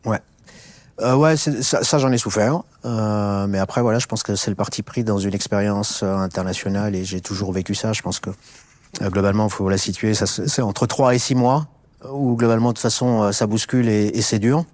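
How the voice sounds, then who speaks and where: A man's voice: lowish voice, steady tone, fairly quick, darkish tone, no echo. A middle-aged man from Alsace, a guest in a conversational interview, telling his story with many fillers and restarts. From France (Alsace). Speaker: interview guest, business executive.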